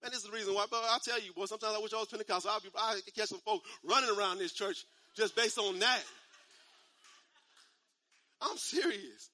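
A man in his thirties preaching a sermon in a conversational style, repeating phrases and using casual slang, building up to shouts. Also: high voice, a little fast. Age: 30s. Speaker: pastor.

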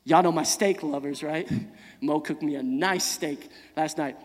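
A man in his thirties preaching a sermon, swinging between loud calls and quiet asides, often repeating words and asking the congregation questions. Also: on the high side, unhurried. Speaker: pastor. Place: church hall. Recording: long church hall reverb.

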